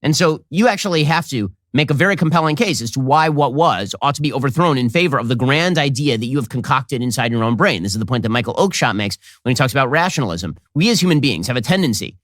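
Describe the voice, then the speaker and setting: Male pundit, quick sarcastic monologue, lively pitch, dry close mic. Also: no room sound. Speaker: political commentator. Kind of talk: commentary monologue.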